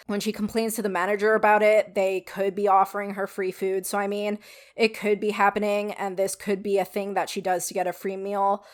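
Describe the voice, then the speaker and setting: A woman with a weak voice giving frank, casual opinion commentary to viewers, with some swearing. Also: mid-range voice. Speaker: video commentator.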